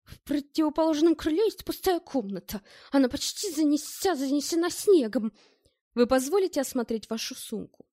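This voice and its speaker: A woman's voice: high voice, expressive, moderate pace, warm tone, no echo, studio quality, pitched above the performer's own voice. A woman reading an audiobook, voicing a curt male investigator who speaks in short, commanding sentences.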